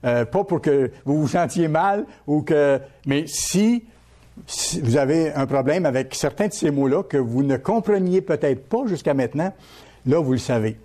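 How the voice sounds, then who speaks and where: A man's voice: fairly high pitch, animated, normal speed, warm tone. A man preaching a sermon as a pastor, teaching by repeating key words and asking his listeners questions.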